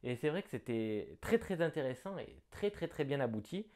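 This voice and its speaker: Man, casual unboxing chat, thinking aloud, excitable, mid-pitched voice. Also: normal speed. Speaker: board game unboxing vlogger.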